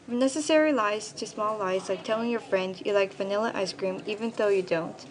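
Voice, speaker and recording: A woman's voice: medium pitch, fairly quick, a crowd in the background, poor audio. A young teenage girl from Korea reading her own personal essay aloud, in a careful, earnest storytelling manner. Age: young teen. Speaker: student essayist.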